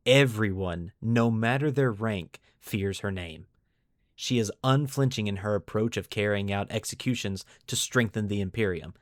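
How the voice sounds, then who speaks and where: Speaking at a normal pace in a voice on the low side, the man hosting the podcast weaves scripted lore narration together with relaxed commentary, stressing key words for drama. The recording is dry and of studio quality.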